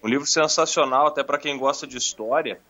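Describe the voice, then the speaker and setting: A man's voice: medium pitch, a little fast, pushed and bright, lo-fi sound. A man chatting casually and hesitantly as a talk show guest. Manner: hesitant, searching for words. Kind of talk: casual conversational recommendation.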